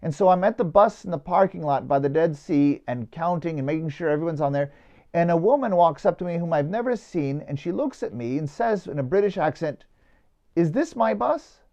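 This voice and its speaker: Priest telling a story in a homily. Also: male voice, on the high side, expressive, brisk, mellow, dull audio. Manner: conversational, with filler "uh" and restarts.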